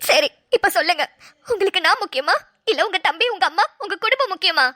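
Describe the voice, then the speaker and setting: A woman's voice: very high-pitched, animated, fast talker, bright, forceful tone, no room sound, clean studio sound, heavily acted. A woman voicing a young newlywed wife in a cartoon, pleading and tearful as she complains about her husband's family. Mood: insistent. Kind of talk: Tamil cartoon drama voice acting.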